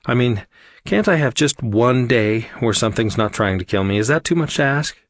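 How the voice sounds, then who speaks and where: A man's voice: medium pitch, animated, moderate pace, no room sound, studio quality, pitched above the performer's own voice, close to an everyday voice. A man voicing a jumpy, wisecracking young human man in an audiobook, complaining a lot.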